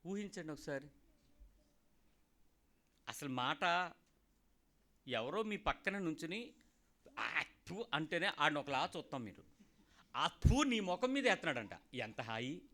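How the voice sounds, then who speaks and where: A man's voice: on the high side, measured pace, long pauses. A man preaching a sermon as pastor, joking and talking straight to the listeners, acting out the people he quotes. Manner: lively, joking, talks straight to listeners and acts out callers.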